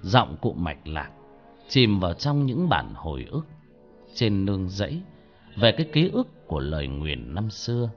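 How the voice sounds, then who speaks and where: A man telling a ghost story about a cursed village, with dramatic delivery. His voice rises and falls with a lively, wide range of pitch. Faint music plays behind him. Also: unhurried, muffled recording. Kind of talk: spoken ghost story narration.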